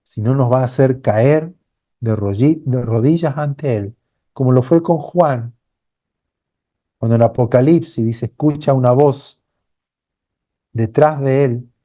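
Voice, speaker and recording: A man's voice: medium pitch, a little slow, pauses often, mellow. A man preaching a sermon as pastor, earnest and building to fervent cries. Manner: acts out quoted voices of a blind beggar crying out.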